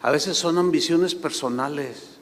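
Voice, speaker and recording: A man, a pastor preaching a sermon and telling anecdotes, switching into higher voices for the people he quotes. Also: unhurried. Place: church hall. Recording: long hall reverb.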